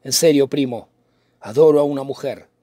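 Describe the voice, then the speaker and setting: A man's voice: mid-range voice, moderate pace, mellow, dry recording, studio quality, natural voice. A man reading the part of a brooding, poetic young nobleman in a dramatic reading of a play, in a theatrical, declaiming manner. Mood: lovesick.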